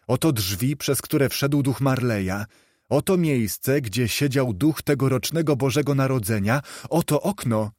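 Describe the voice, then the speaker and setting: A man voicing an elderly former miser, giddy with joy and exclaiming excitedly, in an audiobook. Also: mid-range voice, no room sound, clean studio sound, natural voice. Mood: jubilant.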